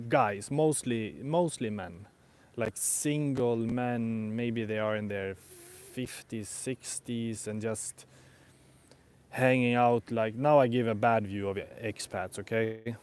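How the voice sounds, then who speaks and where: A man's voice: on the low side, steady tone, takes it slowly, a little mellow, clean tone. A man who speaks English as a second language, thinking aloud in a casual vlog on an outdoor walk, rambling hesitantly and often rephrasing himself. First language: not English. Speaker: vlogger.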